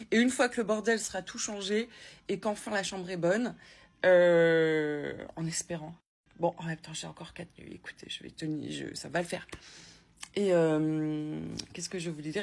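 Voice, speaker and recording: Woman, husky voice, chatty, rambling, casual vlog, hotel room, handheld phone. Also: fairly low pitch. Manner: chatty, rambling, many fillers and restarts. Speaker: vlogger. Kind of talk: casual travel vlog chat.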